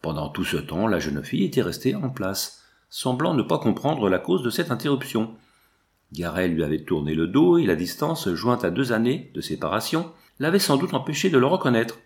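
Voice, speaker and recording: A man reading a novel aloud in a measured, descriptive narration. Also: mid-range voice, a little mellow. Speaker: audiobook narrator.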